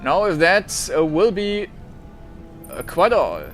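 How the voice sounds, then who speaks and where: A man's voice: high voice, huge pitch swings, slow pace, a bit bright, faint music behind, full character voice. A man putting on a drawling decadent socialite. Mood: haughty. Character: suave decadent male socialite sipping cognac.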